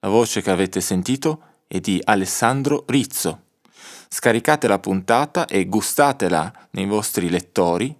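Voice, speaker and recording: A man hosting a radio program, giving a playful sign-off. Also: on the low side. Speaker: radio show host. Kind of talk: brief program outro.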